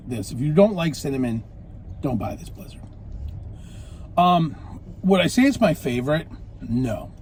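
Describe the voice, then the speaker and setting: A man's voice: fairly high pitch, a little mellow, a little hiss or hum. A man hosting a casual food review, chatting while he eats. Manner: chatty, talks with mouth full.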